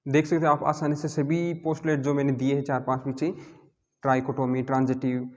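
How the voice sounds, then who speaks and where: A man's voice: mid-range voice, little pitch movement, a little fast. Man, math teacher, lecturing, asks and answers himself, long hall reverb. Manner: asks and answers his own questions. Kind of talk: classroom lecture.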